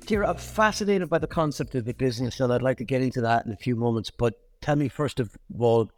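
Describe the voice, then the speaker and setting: A man's voice: medium pitch, fast talker, darkish tone, no room sound, clean studio sound, faint music behind. A man hosting a podcast interview, asking friendly, curious questions. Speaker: podcast host.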